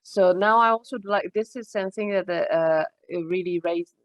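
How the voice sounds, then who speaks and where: A woman moderating an online forum, polite and measured, speaking through a headset on a video call. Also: fairly low pitch, low-quality recording.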